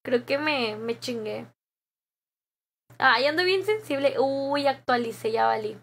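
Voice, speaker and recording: A woman's voice: high-pitched, lively intonation, unhurried, vocal fry, breathy edge. A young Mexican woman streaming live, chatting casually with viewers and reading their comments aloud, with frequent laughs. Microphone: desk microphone.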